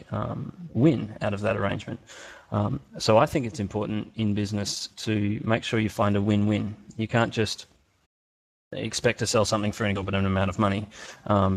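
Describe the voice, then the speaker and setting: An Australian man with a low, gravelly voice speaks in a relaxed interview. He works through his ideas slowly, with frequent filler sounds and self-corrections. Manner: thoughtful, many ums and restarts. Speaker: interview guest. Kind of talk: casual interview chat.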